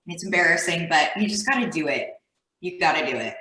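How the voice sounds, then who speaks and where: A woman speaks candidly on a panel in a bright, sharp voice. Her s sounds whistle, and her manner is self-deprecating. The sound is roomy and echoey. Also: lowish voice, lively intonation, quick pace.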